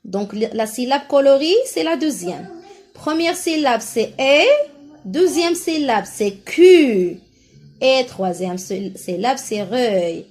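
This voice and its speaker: Speaking with a Moroccan French accent, a primary school teacher encourages her first graders through a phonics lesson, slowly drawing out the syllables. Her voice is high and somewhat dark in tone.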